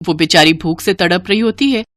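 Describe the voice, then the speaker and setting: Woman narrator for moral story, even delivery, lowish voice, dry close sound. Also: brisk, no echo.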